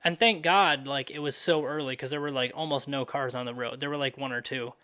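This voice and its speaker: A man's voice: medium pitch, steady tone, fairly quick, bright, forceful tone. A young man hosting a podcast, telling a story in a loose, profane, casual way full of fillers. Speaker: podcast host.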